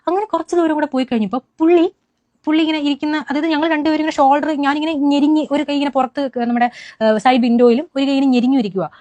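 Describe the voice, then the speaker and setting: This is a first-person eyewitness story from a young woman from Kerala, India, recounting an incident. Her high voice comes through a dry recording, and she rushes through the retelling animatedly, often starting over.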